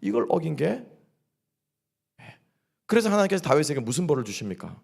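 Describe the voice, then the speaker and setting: A man preaching to his congregation at a midweek service, his voice sitting a little high and swinging widely up and down. He keeps throwing questions at the listeners and answering them himself. A gravelly edge runs through his speech. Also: sing-song, fairly quick, a little mellow. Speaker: pastor. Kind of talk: sermon at a midweek church service. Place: church sanctuary.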